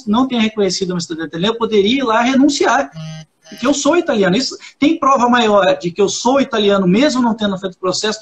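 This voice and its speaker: Man, Brazilian accent, high-pitched, emphatic, insistent host, casual explainer. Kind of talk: conversational legal explanation.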